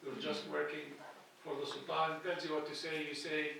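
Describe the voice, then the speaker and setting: A middle-aged Egyptian man lectures earnestly at a lectern in a lecture hall with a projected slide, thinking aloud and restarting often. Using a handheld mic but filmed from a distant camera, the audio sounds echoey and far off with a little hiss or hum. His voice is a little high, creaky, pushed and bright, with a flat delivery at a moderate pace.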